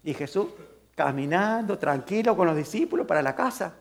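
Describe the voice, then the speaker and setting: A male pastor delivers a sermon in a fairly high voice. He is animated and keeps turning to his congregation with questions. Now and then he slips into the voices of the people in his story. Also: moderate pace, vocal fry. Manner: animated, asks the congregation questions, acts out voices of Bible figures.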